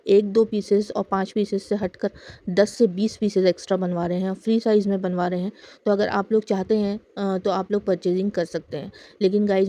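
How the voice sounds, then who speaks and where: A woman's voice: medium pitch, mellow. A woman who runs a boutique and works as a lecturer, walking viewers through designer outfits in a chatty sales style full of fillers. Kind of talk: product showcase talk.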